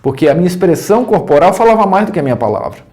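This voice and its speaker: A man's voice: sits high, sing-song, very fast, a little mellow. A man with a Brazilian Portuguese accent teaching a casual video lesson on communication. He talks conversationally, keeps adding little check-in questions, and breaks into short acted tones of voice. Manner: conversational, tag questions, acts out tones of voice with laughs. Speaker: coach and educator. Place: indoors, room with scouting decor corner.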